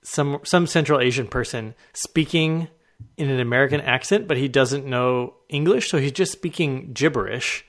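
A man's voice: medium pitch, normal speed, fairly bright tone. A man hosting a casual conversation, chatty and laid-back. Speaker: host.

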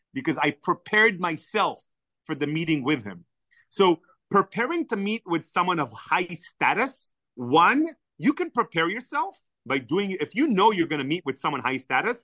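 With a voice on the high side, a man who grew up speaking Hebrew shares animated, enthusiastic stories while guesting on a podcast. There's no room sound in the clip.

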